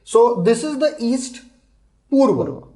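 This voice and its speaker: Guy teaching hindi, high voice that jumps around a lot, repeats every word slowly. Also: expressive, mellow, rough recording. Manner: explains slowly, repeats words, syllable by syllable. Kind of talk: language lesson.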